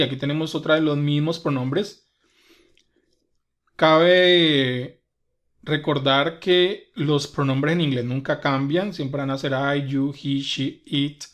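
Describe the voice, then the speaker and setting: A man's voice: on the high side, takes it slowly, fairly bright tone. A man whose first language is Spanish teaching an English grammar lesson, patiently repeating each example step by step. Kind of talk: slow grammar lesson explanation.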